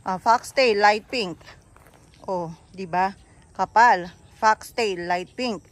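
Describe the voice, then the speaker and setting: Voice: medium pitch, takes it slowly. Chatty plant seller touring a garden. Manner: chatty, points out plants one by one. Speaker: bougainvillea seller giving a garden tour. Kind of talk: casual garden walkthrough vlog.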